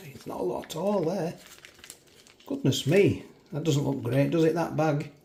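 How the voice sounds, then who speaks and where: Rambly guy chatting thru a meal kit review at home, bit high voice, echoey kitchen. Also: warm tone, slight background noise. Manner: chatty, self-mocking, rambling asides. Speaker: food reviewer. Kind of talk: casual product review.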